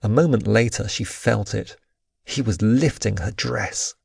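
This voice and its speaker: A man narrating an audiobook, with expressive storytelling. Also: lowish voice, a little slow, vocal fry, slightly rough, dry recording, studio quality. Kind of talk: scripted narration.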